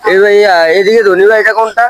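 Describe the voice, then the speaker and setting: High, pleading village man in comedy. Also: level tone, fast talker. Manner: pleading, confused, repeating "brother". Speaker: comic actor in a village sketch. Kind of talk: rural comedy sketch dialogue.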